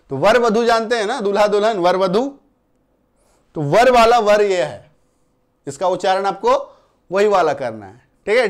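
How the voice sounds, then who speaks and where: A male English grammar teacher explaining rules in a Hindi-medium lesson, repeating each point and often checking that students follow. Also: high voice. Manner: reassuring, plain explanations.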